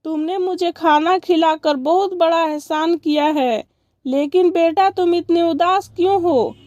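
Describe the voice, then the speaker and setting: A woman's voice: very high voice, a little slow, darkish tone, dry recording, lo-fi sound. A woman voicing a hungry, pleading old female bird in a cartoon story.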